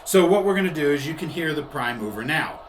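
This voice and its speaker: A man with a fairly high, animated voice runs through a tutorial demo at a quick pace, acting as host and product demonstrator. He explains conversationally and repeatedly reworks his wording. It's recorded in an echoey room with faint background noise.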